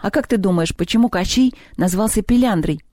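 A reader doing a calm peacemaking schoolgirl. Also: mid-range voice, moderate pace, dry recording, studio quality, pitched above the performer's own voice, lightly acted. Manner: calm, matter-of-fact.

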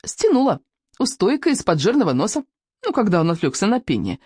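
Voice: medium pitch, huge pitch swings, fairly quick, no echo, clean studio sound, pitched above the performer's own voice. A reader voicing a bold, reckless young Viking girl who talks brashly and offhandedly. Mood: offhand. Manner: brash, offhand, thrill-seeking.

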